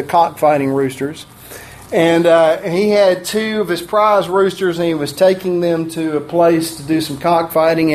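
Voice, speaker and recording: A man preaching in a church, his voice sitting noticeably high for a man. He is middle-aged and delivers the sermon in a folksy way, chuckling at his own asides. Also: darkish tone. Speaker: pastor. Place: church sanctuary.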